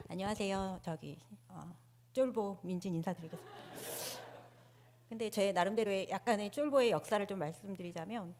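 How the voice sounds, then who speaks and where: A woman's voice: mid-range voice, darkish tone. A woman giving a personal testimony to her church congregation on a handheld microphone, telling her story candidly and poking fun at herself. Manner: candid, self-mocking storytelling. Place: church sanctuary.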